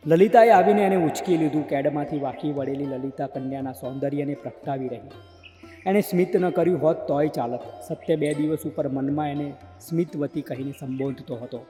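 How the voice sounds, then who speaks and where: A man narrating a novel as an audiobook in a measured, literary reading style. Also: a little high, mellow. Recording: echoey hall with faint music.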